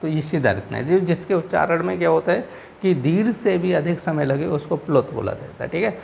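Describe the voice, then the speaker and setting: A male teacher with a gravelly, slightly rough voice walks through exam answers in a patient, repetitive way. He keeps pausing to check in with his students before moving on. A faint hiss sits behind him. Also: a little high, expressive, a little mellow. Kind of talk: explaining exam answers in a lesson.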